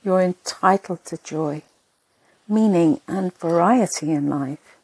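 A woman narrating a sleep meditation in a soft, breathy, husky voice, soothing and hushed, in short spaced phrases. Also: fairly low pitch, takes it slowly, no echo, rough recording.

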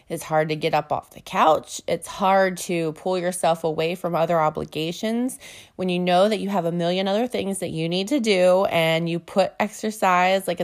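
A young woman hosting a casual motivational talk, earnest and chatty, with many fillers and restarts, slightly out of breath. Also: on the low side. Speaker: host.

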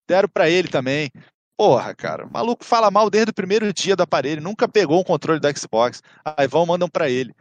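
Blunt Brazilian man from Rio, fairly high voice. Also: lively intonation, brisk, dry recording. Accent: Brazilian Portuguese, Rio. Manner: blunt, complaining, sweary. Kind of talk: casual chat.

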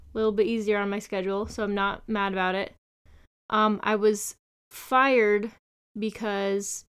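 Young female podcast host, smooth clear voice, sarcastic and rambling, casual solo chat. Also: on the high side. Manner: chatty, sarcastic, rambling asides.

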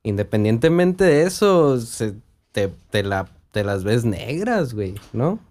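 Un hombre que conversa de manera informal, metiendo bromas y frases coloquiales mexicanas. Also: male voice, mid-range voice, sing-song, unhurried, a little mellow. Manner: joking interjections full of Mexican slang. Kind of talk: casual chat.

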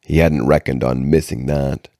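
Very deep-voiced man reading a novel aloud. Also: steady tone, dark tone, no echo, studio quality. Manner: measured reading with occasional stumbles and restarts. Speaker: audiobook reader.

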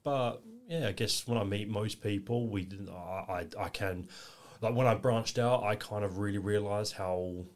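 With a lowish voice and a measured pace that leaves hardly any pauses, a twenty-something English man rambles comfortably as a podcast guest. The interview chat is casual, and his easygoing answers are full of fillers like "you know."

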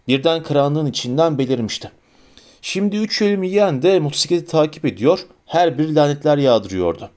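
A man narrates an audiobook in an expressive storytelling manner. His voice is a little higher than usual for a man and carries the action along. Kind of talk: audiobook reading.

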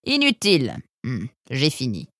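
A woman's voice: rumbling low, huge pitch swings, a little slow, a bit bright, dry recording, clean studio sound, voice pushed down, heavily acted. A woman voicing an aging male animal doctor who is kindly and a little tired, in a storybook reading. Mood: weary kindly.

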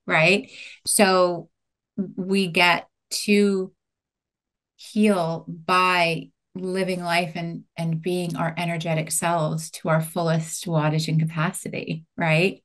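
Woman guest, low-pitched, earnest and reflective. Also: little pitch movement, slow pace, a bit bright. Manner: reflective, earnest, checks in with "right?". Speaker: podcast guest. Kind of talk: casual conversational interview.

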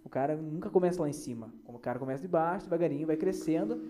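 A man's voice: on the high side, racing. A man hosting a casual podcast, joking and playful with his friends. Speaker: podcast host. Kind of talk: casual chat.

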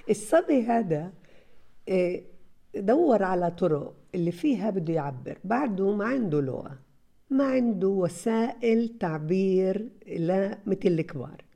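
A woman's voice: mid-range voice, lively intonation, measured pace, gravelly, long pauses, dark tone. A woman, a parenting advisor giving advice to parents and acting out little scenes as she talks.

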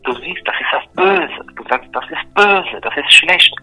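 Emphatic bright-voiced man explaining faith. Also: on the high side, lively intonation, a little slow, breathy edge, low-quality recording. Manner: emphatic, repetitive, checks in with "ja?" and "verstehst du?". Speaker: religious explainer. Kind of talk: earnest one-on-one religious explanation.

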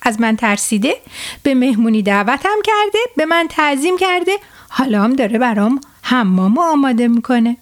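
A woman voicing a clever, boastful male rooster who crows loudly in a storybook tale for children. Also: a little high, very animated. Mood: crowing, boastful. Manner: loud crowing sing-song.

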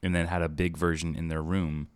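A man's voice: low-pitched, flat delivery, a little fast, clear, resonant tone, dry recording. A man chatting casually with friends as a podcast co-host, teasing in a laid-back, slangy, dry way.

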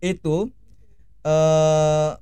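Seorang pria berusia dua puluhan asal Sulawesi sedang mengobrol santai. Ia sering tertawa dan suka bercanda dengan meniru logat daerah. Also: male voice, a little high, little pitch movement, very slow, mellow, clean tone, dry recording. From Sulawesi, Indonesia. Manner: easygoing, laughs often, slips into playful regional accents. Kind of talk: casual conversation.

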